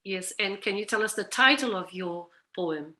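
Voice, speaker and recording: A woman's voice: medium pitch, expressive, normal speed, sharp tone. A woman hosting a poetry open mic in a casual, encouraging way.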